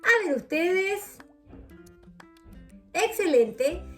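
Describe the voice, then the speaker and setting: A woman teaching young children to read, patient and drawn-out, often checking that they follow. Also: very high voice, big pitch swings, fairly bright tone, soft background music. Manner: slow, patient, drawn-out words with checking questions. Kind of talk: children's reading lesson.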